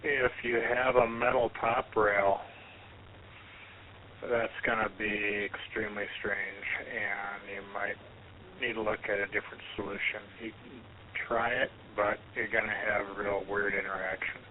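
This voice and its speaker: A man with a slightly low voice speaks over a ham radio transmission, halting and technical with frequent ums. The sound is thin and narrow like a radio link. A faint hiss sits under it. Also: little pitch movement. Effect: heard over a ham radio transmission. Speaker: amateur radio net participant. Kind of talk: radio net check-in talk.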